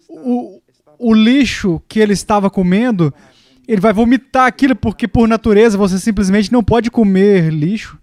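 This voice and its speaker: A man's voice: darkish tone, no echo. A man preaching a sermon, telling stories and acting out what people say. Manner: storytelling with acted quotes, rising pitch in the quoted lines.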